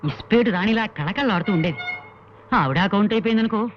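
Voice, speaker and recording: An actor playing an animated man who reminisces about an old friend with playing-card jokes. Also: sits high, fairly quick, highs cut off, noisy background. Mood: reminiscing. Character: chatty card-playing man full of quips. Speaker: old acquaintance recalling a friend.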